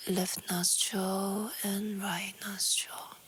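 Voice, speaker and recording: Outdoors in nature, a woman guides a yoga nidra relaxation meditation in a soft, breathy, whispery medium-pitched voice. She stays calm, hushed and gentle, speaking in short phrases with pauses, while faint natural ambience sits in the background.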